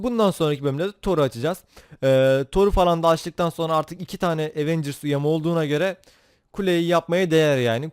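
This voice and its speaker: Excitable young man with a crisp voice. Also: a little high, no room sound, studio quality. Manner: excitable, jokey, talks to himself while playing. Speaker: gaming YouTuber. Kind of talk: Minecraft let's play commentary.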